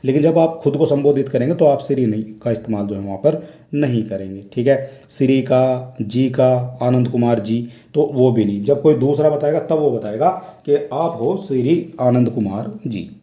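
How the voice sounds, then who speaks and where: Male Hindi tutor, very dark mellow voice, roomy echo, patient step-by-step exam walkthrough. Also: medium pitch, moderate pace. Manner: explains step by step, repeats each question aloud. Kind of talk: exam question walkthrough lesson. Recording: echoey room.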